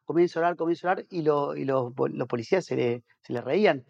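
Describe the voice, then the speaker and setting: Male pastor guest, rapid animated storyteller with a slightly high voice, lots of restarts, muffled podcast audio. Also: creaky. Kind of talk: casual storytelling interview.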